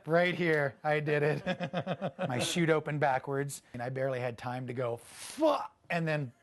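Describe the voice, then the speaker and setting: A man's voice: a little high, moderate pace. A man from Texas telling wild stories from his life in a documentary interview, blunt and profane, acting out voices as he goes. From Austin, Texas. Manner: animated storyteller who acts out voices in his tales.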